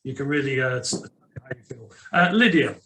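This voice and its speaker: A man's voice: medium pitch, expressive, a little fast, crowd noise. A man hosting a panel on a video call, jokey, repeating words as he goes. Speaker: webinar host. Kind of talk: panel moderation.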